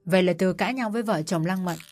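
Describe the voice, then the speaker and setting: A woman's voice: on the low side, quick pace, darkish tone. Woman narrating a story over music. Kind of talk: scripted audiobook narration. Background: faint music.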